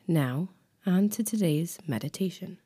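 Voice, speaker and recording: Soft, slow, mellow woman close in your ear. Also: lowish voice. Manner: soft, breathy, close-up delivery, right in the ear, often near a whisper; calm, soothing, unhurried with long pauses. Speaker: guided meditation host. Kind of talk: guided meditation and affirmations.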